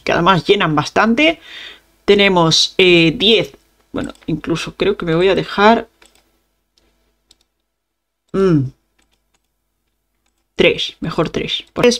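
A woman's voice: fairly low pitch, creaky, fairly bright tone. A young woman hosting a gaming channel, chatting casually to her viewers as she plays and humming little sound effects. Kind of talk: casual gameplay commentary.

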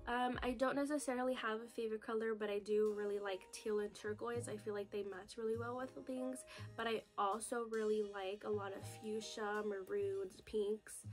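A woman in her twenties from the United States, talking nervously and chattily in a casual vlog recorded on her phone, with lots of "like" and "you know". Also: medium pitch. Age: 20s. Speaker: vlogger. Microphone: phone camera video.

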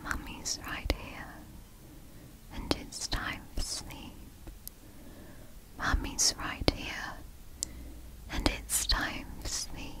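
A woman's voice: drawn-out words, long pauses. A woman playing a tender, motherly girlfriend in a whispered role-play, speaking in an intimate, soothing whisper for sleep ASMR.

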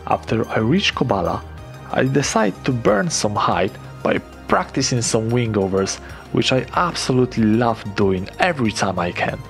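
A man's voice: mid-range voice, big pitch swings, moderate pace, gravelly, faint music behind. A young man giving an enthusiastic, casual first-person voice-over about his flight, swearing freely now and then. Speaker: paragliding vlogger.

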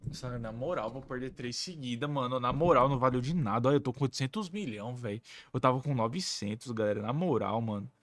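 A man's voice: mid-range voice, fast, hardly any pauses. A man with a Brazilian Portuguese accent giving live gameplay commentary as host of a gaming channel, complaining in an exasperated, whiny way with slang and swearing.

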